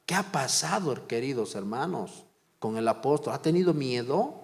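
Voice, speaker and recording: A man's voice: medium pitch, expressive, normal speed, gravelly, long reverb tail. A man preaching a sermon as pastor, fervent and repetitive, asking the congregation question after question. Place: church.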